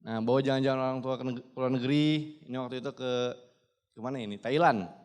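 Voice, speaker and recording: A man's voice: mid-range voice, steady tone, quick pace, a little mellow. A man in his twenties gives a motivational testimonial speech at a business seminar, emphatically addressing the audience again and again. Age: 20s. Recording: long hall reverb.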